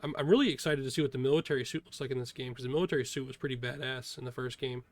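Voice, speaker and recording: A man's voice: medium pitch, fairly even intonation, racing, no room sound. A man giving casual, informal first-impressions commentary as a streamer, talking in a hesitant way. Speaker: video host, streamer reacting to a game trailer.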